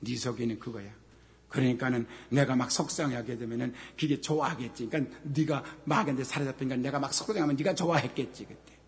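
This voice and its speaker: A middle-aged man preaching a sermon as pastor, moving from quiet talk to shouted scripture and asking questions he then answers himself. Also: medium pitch. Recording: long hall reverb.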